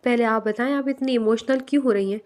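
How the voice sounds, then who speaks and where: A woman's voice: fairly high pitch, fast, a little mellow, close to an everyday voice. A woman reading a male office boss. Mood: concerned. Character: male office boss, caring then menacing.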